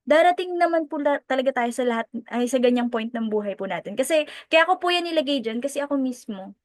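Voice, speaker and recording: Filipino lady mentor telling her success story, high voice, dry close sound. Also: quick pace, no room sound. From Philippines. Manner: animated storytelling, mixing Tagalog and English. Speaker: direct-selling team mentor. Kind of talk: motivational testimony talk.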